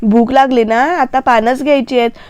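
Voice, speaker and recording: A practical older mother from a family drama who scolds her husband gently, speaking slowly and plainly, as a woman reads her out in a high, smooth voice. It is recorded dry and close. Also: fairly even intonation, dry recording, natural voice. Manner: slow, plain quoted delivery.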